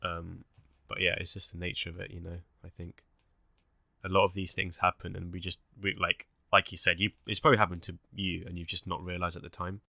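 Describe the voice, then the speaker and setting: A young man hosting a podcast, talking in a rambling, animated way and swearing casually. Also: sits low, a little fast, gravelly, no echo. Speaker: podcast co-host. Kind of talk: casual chat.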